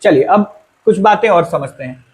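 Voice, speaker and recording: A man with a high-pitched voice teaches a grammar lesson. He works through each point step by step, putting questions to the class and answering them himself. He slows right down to repeat the example sentences. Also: lively intonation, darkish tone. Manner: asks and answers his own questions. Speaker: English teacher.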